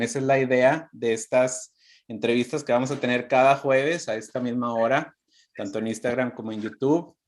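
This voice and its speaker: A man from Mexico hosting a live-streamed interview, greeting viewers and prompting his guest in a friendly way. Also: medium pitch. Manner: friendly, warm welcomes, restarts often. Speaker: interview host.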